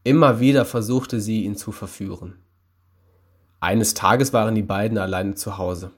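A young man working with children reads a Bible story aloud in a friendly, calm storytelling voice. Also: fairly low pitch, breathy edge. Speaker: youth worker reading Bible stories.

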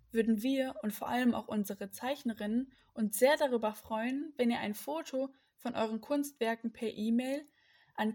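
A woman reading a Bible story for children on behalf of a church parish, in a friendly, clear and lively way. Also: a little high.

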